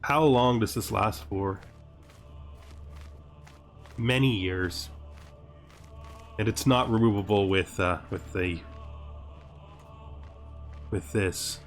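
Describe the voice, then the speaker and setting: Over background music, a man who hosts a gaming series speaks in a lowish voice, slowly and with long pauses. He offers laid-back game commentary, musing aloud with rhetorical questions and exasperated remarks, now and then reading on-screen text.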